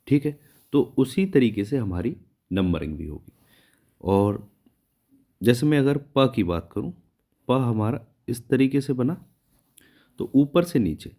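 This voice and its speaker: Low, slow-spoken man teaching shorthand. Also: warm tone. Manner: patient, repeats "ठीक है" to check understanding; counts and names the strokes as he draws them. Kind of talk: step-by-step tutorial explanation.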